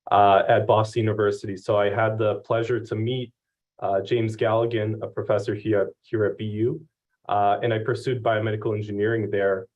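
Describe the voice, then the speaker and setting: A man's voice: lowish voice, a little mellow. A young man introducing himself on a panel as a PhD student and startup founder, hesitant with many fillers. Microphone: video call. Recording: dull, lo-fi audio.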